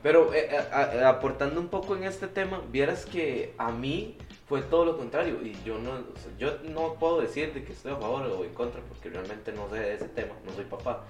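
A man's voice: mid-range voice, a little fast, few pauses, soft background music. A man in casual conversation, speaking hesitantly with restarts. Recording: echoey room.

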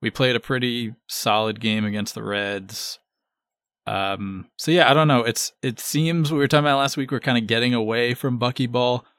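A man's voice: medium pitch, steady tone, moderate pace, fairly bright tone, clear, resonant tone, no room sound, studio quality. A man giving casual sports analysis as a podcast co-host.

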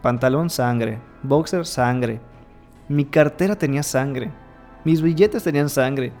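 A man's voice: medium pitch, slow pace, a little mellow, faint music behind. A man with a Mexican accent in casual chat, telling a story vividly and acting out voices and sound effects. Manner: vivid storyteller who acts out quotes and sounds. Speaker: co-host telling a party story.

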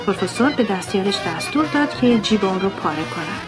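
A woman reading a humorous short story aloud as narrator, steady and lightly expressive. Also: medium pitch. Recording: music playing behind the voice.

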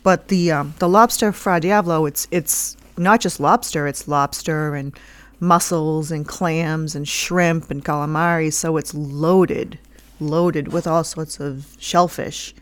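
A woman co-hosting a food show, explaining dishes in a calm, matter-of-fact way. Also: deep voice, slow, no room sound. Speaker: co-host and cook. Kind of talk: casual chat.

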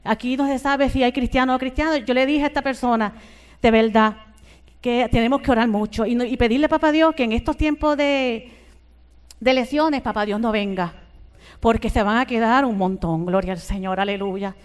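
An older Puerto Rican woman preaches a sermon in a fairly high, clear, resonant voice at a moderate pace. Every phrase is filled with fervent church exclamations, and she asks her listeners to agree with her.

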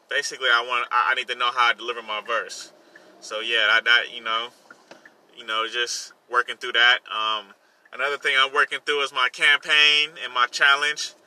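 A man's voice: medium pitch, pushed and bright, poor audio. A man talking casually and informally in slang, repeating himself, as he hosts his own vlog segment from a car he is driving. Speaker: host of a personal podcast segment, songwriter. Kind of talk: casual solo vlog chat while driving. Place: inside a car while driving. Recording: vehicle noise in the background. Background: faint vehicle noise.

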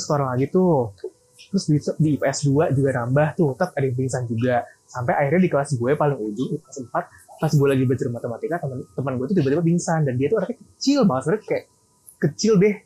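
A man from Sumatra telling a story in a casual chat, animated and slangy. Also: medium pitch, husky, rough recording.

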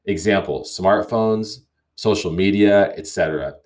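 A man's voice: deep voice, measured pace, darkish tone. A man hosting a casual solo podcast, thoughtfully reading listener emails aloud and reflecting on them with frequent restarts. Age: young adult or middle-aged, parent. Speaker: podcast host.

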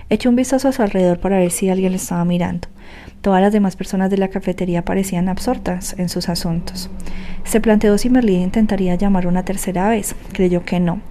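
A woman narrating an audiobook in a steady, measured way. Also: mid-range voice. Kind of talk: scripted narration.

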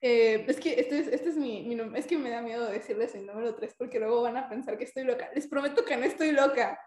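A high-pitched woman chats casually as a podcast co-host. She is playful and giggly, happy to poke fun at herself, and the room echoes noticeably around her. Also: fast, darkish tone. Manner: giggly, self-deprecating, playful. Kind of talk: casual chat between podcast co-hosts. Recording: roomy, echoing room sound.

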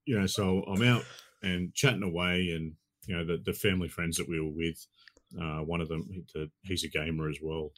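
A man's voice: low voice, steady tone, a little fast. A middle-aged Australian man chatting casually as a podcast guest in a laid-back, blokey, matey way. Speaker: podcast guest and gaming podcast host. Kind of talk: casual chat.

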